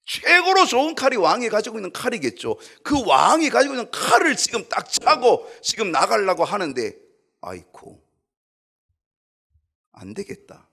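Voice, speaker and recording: A male pastor delivers a sermon in a church sanctuary with a bright, forceful voice. His pitch leaps and falls in a lively way, rising to loud, pressing emphasis and then dropping to quiet asides. He talks straight to the congregation and acts out short quotes as he goes. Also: a little fast, creaky, hardly any pauses. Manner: animated preaching, swings from loud to hushed, acts out quotes.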